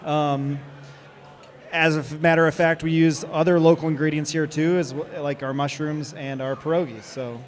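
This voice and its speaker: A man appearing as a guest chef from the Cincinnati area, describing his dish and his products in a relaxed, slightly halting way. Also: a little high. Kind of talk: casual product talk.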